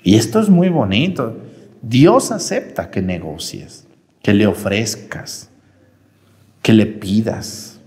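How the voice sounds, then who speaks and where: A priest giving a homily in a lively, conversational way, his voice swinging up and down as he addresses the congregation. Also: lowish voice, slow pace, in a large hall. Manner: lively, conversational preaching with sudden rises and drops.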